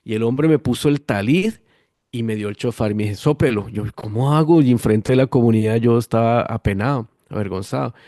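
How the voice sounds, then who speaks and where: Colombian pastor in his 50s, Bogotá accent, animated testimony, dry close sound. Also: medium pitch, a little fast, no room sound. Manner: lively animated storytelling, acting out quoted voices. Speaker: guest pastor. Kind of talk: storytelling testimony.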